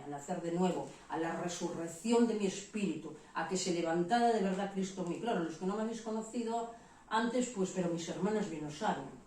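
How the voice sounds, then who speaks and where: In a church hall full of heavy echo, a Spanish woman preacher with a fairly low pitch shares a frank, lively testimony sermon. She quotes herself and others, acting out their voices. She sounds distant from the mic, and a faint room hum lies underneath.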